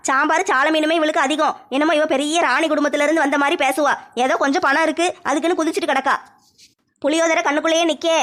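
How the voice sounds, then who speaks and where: A woman's voice: sits high, fairly bright tone. A woman acting as a sly, scheming old village mother-in-law in a comedy skit, scolding and wheedling by turns.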